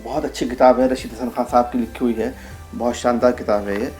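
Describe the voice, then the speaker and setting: A man teaching a video lesson, reading aloud from a book and saying example words slowly and carefully. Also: mid-range voice, flat delivery, a little mellow, faint music behind. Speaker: Urdu language teacher.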